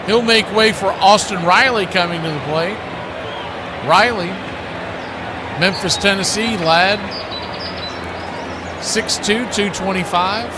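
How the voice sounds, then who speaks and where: A man announcing a baseball game play-by-play in a steady, matter-of-fact radio style. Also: high-pitched, slow pace, long pauses, background noise.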